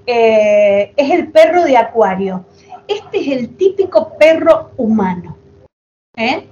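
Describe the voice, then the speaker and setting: A chatty woman hosts the conversation, spinning stories with fond little asides. Her voice sits fairly high. The recording is a bit dull, with a faint hiss underneath. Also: slow. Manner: chatty, affectionate, animated storytelling with asides. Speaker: podcast host. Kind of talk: casual chat.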